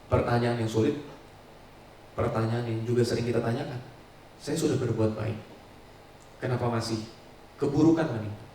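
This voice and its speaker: A male pastor telling a story in a sermon, with a dramatic delivery that swings between loud and soft. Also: medium pitch, normal speed, long pauses, slight background noise. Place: large church hall. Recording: echoey church hall, mic at distance.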